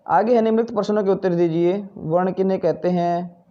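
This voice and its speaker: A man's voice: high-pitched, steady tone, brisk, muffled recording. A male Hindi teacher patiently working through textbook exercises, asking questions and answering them himself. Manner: patient, repeats "ठीक है" and "भाई", asks then answers.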